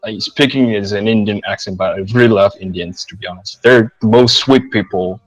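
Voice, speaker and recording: A man's voice: lowish voice, brisk, no room sound, low-quality recording. A man from southeastern Europe co-hosting a podcast, playful, with non-native phrasing. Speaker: podcast co-host. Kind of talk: podcast banter.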